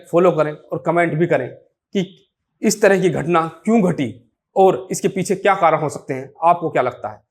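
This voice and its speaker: A man with a fairly high voice narrates a true-crime case to his viewers. He talks in a measured, informal way and sometimes restarts a phrase mid-sentence. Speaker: crime storyteller.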